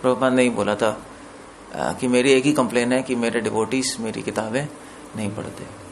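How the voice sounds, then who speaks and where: Here a man speaks at normal speed in a mid-range voice with fairly even intonation, delivering a scripture discourse. He breaks down word meanings gradually, quizzes his listeners, and drops in English words; a light hiss or hum is audible.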